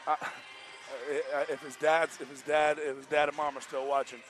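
This is a man's fairly high voice with little pitch movement, moving at a normal speed. He's an American basketball coach in a post-game interview at courtside in an indoor arena, wearing a headset and repeating his points in casual, emphatic, colloquial language.

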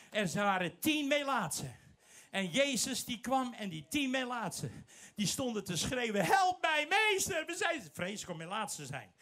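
Male evangelist, very high voice, lively swings, fervent sermon delivery. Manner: fervent, dramatic storytelling, mixing in English phrases. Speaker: evangelist preacher.

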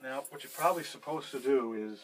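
Loud music plays behind this man's medium-pitched, fairly quick voice. In his thirties, he's a handyman working on a sink in a small basement room, casually rambling and swearing freely as he gives running commentary for a how-to video shot on a fixed camera a few feet away.

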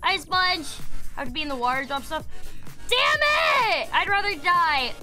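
A young woman streams a game while sick and losing her voice, chatting casually, swearing, and shrieking when something startles her. Her voice is extremely high, very animated, pushed and bright, at a normal speed. Faint game music plays behind her.

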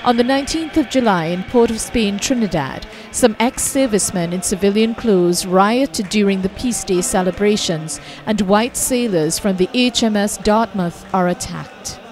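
A woman narrating a history documentary in a measured, scripted delivery. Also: mid-range voice, darkish tone. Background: music.

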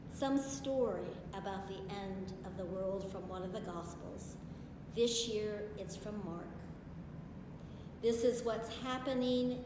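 A woman in her sixties preaching a sermon from a pulpit in a large stone church, in a slow, measured way with solemn pauses. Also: medium pitch. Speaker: pastor. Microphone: far camera. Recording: echoey church from far off, hiss.

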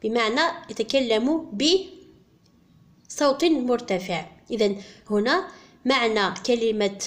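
A woman teaching a French grammar lesson, speaking slowly and carefully when she gives the French examples. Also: a little high. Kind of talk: language lesson explaining grammar.

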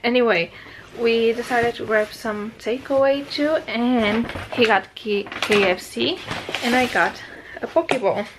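A young adult travel vlogger with a Portuguese accent chats casually to a handheld camera held at arm's length, filming in a hotel room and her living room. She is talkative and easily sidetracked, speaking at a measured pace in a fairly high voice over background noise.

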